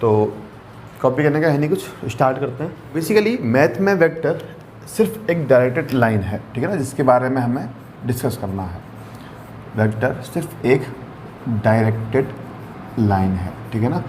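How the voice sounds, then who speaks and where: With a mid-range, expressive and slightly mellow voice, a male maths teacher moves briskly through a classroom lecture. English terms slip into his explanations, and rhetorical questions keep checking in with students. Slight background noise is audible.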